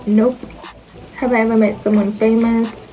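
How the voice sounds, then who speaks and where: A woman's voice: fairly high pitch, level tone, normal speed, warm tone, soft background music, low-quality recording. A young woman with a Jamaican accent chatting casually and playfully to camera, using slang as she answers questions about herself. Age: young adult.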